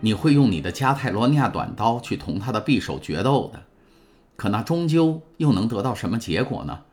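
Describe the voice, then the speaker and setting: A man's voice: lowish voice, big pitch swings, brisk, a little mellow, soft background music, voice pushed up. A man voicing a steadfast devoted young woman. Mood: pleading. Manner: pleading, earnest, raised voice. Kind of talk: audiobook character reading.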